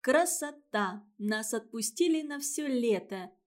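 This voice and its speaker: A woman plays a spoiled little storybook girl, sly and quick-tongued, wheedling and lying in a high, ringing voice. She chatters without pause. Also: animated, darkish tone. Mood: cheeky.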